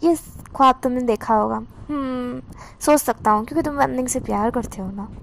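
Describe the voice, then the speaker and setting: A woman's voice: high voice, a little fast, creaky, slight background noise. Woman reading as a teasing young man. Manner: gently teasing, questioning.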